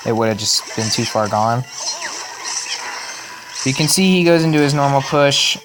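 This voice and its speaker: A young man giving casual, rambling commentary on a mobile game replay, correcting himself as he goes, his voice worn and going hoarse. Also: mid-range voice, normal speed, over music, rough recording. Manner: rambling, self-correcting, chatty. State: losing his voice. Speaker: gaming channel host.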